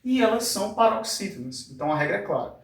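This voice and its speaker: A man teaching Portuguese grammar at a whiteboard, pausing often to check with "tá?" and stretching words out syllable by syllable. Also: high voice, very animated. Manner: frequent tag questions like "tá?" and "fechado?"; drawn-out syllable-by-syllable pronunciation. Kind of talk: whiteboard lesson explanation. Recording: echoey room, voice a bit distant from the mic.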